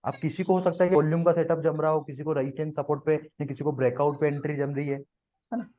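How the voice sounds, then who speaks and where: A man's voice: a little high, level tone, fast, dark tone, muffled recording. A man teaching a live trading class to students, explaining step by step and often checking that they follow.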